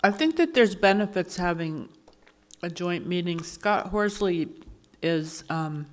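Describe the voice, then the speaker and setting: Woman, board member, lowish voice, earnest, explaining. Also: lively intonation, unhurried. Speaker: selectboard member. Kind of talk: town board meeting discussion.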